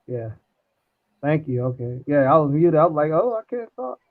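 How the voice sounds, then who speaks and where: A man's voice: on the high side, sing-song, moderate pace. A man calling into a live stream, talking casually in a laid-back, hesitant drawl, his voice muffled as if heard through a wall. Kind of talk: casual chat. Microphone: phone or video call. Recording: muffled tinny phone-like call audio.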